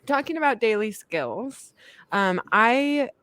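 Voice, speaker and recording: A woman co-hosting a podcast in casual chat, playful and quick to laugh. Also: on the high side, animated, fairly bright tone, no echo. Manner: giggly, chatty, playful. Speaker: podcast co-host.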